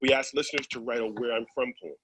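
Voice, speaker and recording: A man's voice: mid-range voice, steady tone, fast talker, background noise. A man on a radio show chatting with enthusiasm and jokes, then reading a community poem. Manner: enthusiastic, jokey. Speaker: radio poetry contributor.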